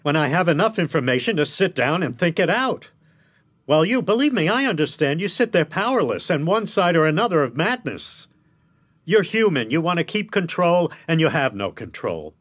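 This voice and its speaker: In a radio drama, a male actor plays a shrewd, blunt defence lawyer, lecturing emphatically and articulately in a firm mood. His voice is a little high and sing-song, at a moderate pace.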